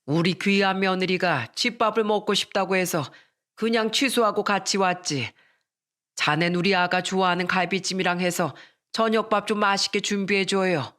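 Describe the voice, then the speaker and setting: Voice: mid-range voice, normal speed, a bit bright, close to an everyday voice. A storyteller voicing an indulgent older father-in-law who dotes on his daughter-in-law. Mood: doting.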